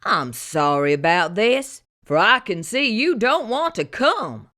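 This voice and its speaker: A woman putting on voices for the animal characters of a read-aloud picture book, slow and exaggerated. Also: mid-range voice, big pitch swings, pushed and bright, heavily acted. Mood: cheerful. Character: mixed animal characters, moose, rabbit, goats, sheep.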